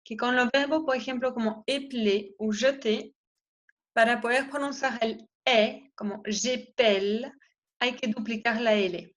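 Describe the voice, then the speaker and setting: Slow-talking woman teaching French. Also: on the high side, steady tone, a bit bright. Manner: spells out letters one by one, models pronunciation. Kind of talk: slow explanatory lesson. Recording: dull lo-fi recording.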